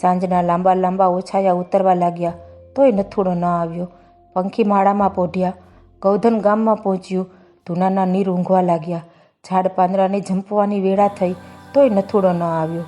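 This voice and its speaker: Mellow woman reading a folk tale. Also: lowish voice, flat delivery, normal speed, soft background music. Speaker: storyteller. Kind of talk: audiobook folk tale narration.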